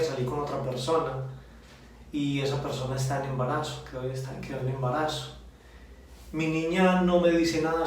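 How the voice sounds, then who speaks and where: Colombian coast guy telling his testimony, halting, keeps restarting, mid voice, super echoey room, mic far off. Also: medium pitch. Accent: Colombian Caribbean Spanish. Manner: halting, heartfelt, with many restarts. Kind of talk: personal testimony. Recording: echoey room, voice from a distance, faint noise.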